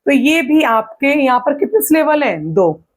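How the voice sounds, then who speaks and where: A woman teaching an exam-prep lesson, asking her own questions and answering them, and sounding words out slowly. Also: sits high, big pitch swings. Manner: claps and stretches words out slowly to show syllables.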